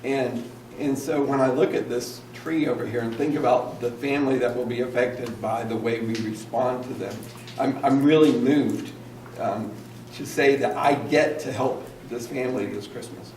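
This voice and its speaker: A man's voice: medium pitch, steady tone, normal speed, a little mellow. A male pastor preaching with earnest energy and a middle-range voice. He is picked up from some distance in an echoey church hall. A faint hiss sits under him. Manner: earnest, calls the congregation to repeat lines. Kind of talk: sermon. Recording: echoey room, mic at a distance, faint noise.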